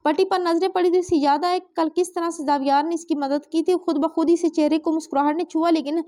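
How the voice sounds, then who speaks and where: Woman narrator, Pakistani Urdu accent, high voice, dramatic audiobook reading of a romance novel, voices all parts herself. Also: fairly even intonation, quick pace, warm tone. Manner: reads all characters' dialogue in her own voice.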